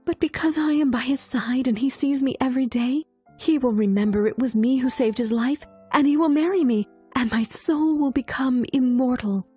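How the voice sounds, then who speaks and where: Woman as the Little Mermaid, high, breathy and wistful. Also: moderate pace, warm tone, soft background music. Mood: hopeful. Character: young little mermaid, lovelorn, innocent and wistful. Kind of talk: fairy tale audiobook dialogue.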